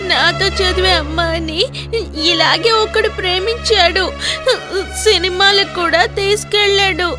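A woman's voice: very high-pitched, a little slow, music in the background. A shy anxious young woman. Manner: hesitant, fearful. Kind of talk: dubbed film dialogue. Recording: loud film score underneath.

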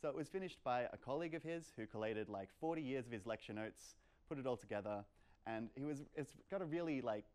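Speaking fast with lively intonation, this young adult man has a mid-range voice that's smooth and a little mellow. He's a meetup presenter delivering an informal live lecture, taking audience questions, playful and chatty and sprinkling in "like" and "kind of." The setting is a medium-sized indoor lecture room.

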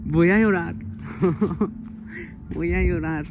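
Male comic as a sentimental, vain young woman; bashful comedy vlog character, recorded on a street with loud ambient noise. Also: fairly high pitch, measured pace, close to an everyday voice. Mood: teary. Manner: gushing, self-admiring, keeps saying how embarrassed she is. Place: outdoors on a street by a shop. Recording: dull lo-fi with loud outdoor noise.

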